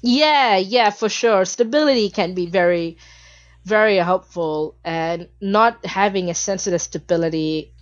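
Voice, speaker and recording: A woman's voice: medium pitch, a little slow, no echo, highs cut off. A woman from Malaysia, a podcast guest talking casually and emphatically with many fillers. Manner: animated, emphatic, frequent fillers. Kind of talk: casual interview talk.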